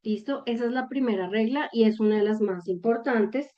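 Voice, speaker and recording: A woman's voice: a little high, normal speed, lo-fi sound. A woman teaching German pronunciation in a patient explanatory lesson who keeps checking in with her viewers through short questions. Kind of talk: slow explanatory language lesson.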